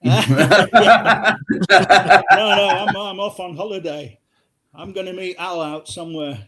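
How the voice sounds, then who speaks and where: A man's voice: high-pitched, takes it slowly, a crowd in the background. Chatty older man telling football stories. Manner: chatty, anecdotal, laughs often. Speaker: guest, former footballer. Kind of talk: casual phone-in chat.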